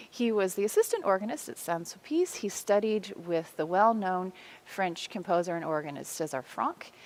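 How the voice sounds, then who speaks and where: Church organist, woman, middle-aged; animated, swinging delivery for a devotional music segment. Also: medium pitch. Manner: warm, expressive explaining, counting beats aloud.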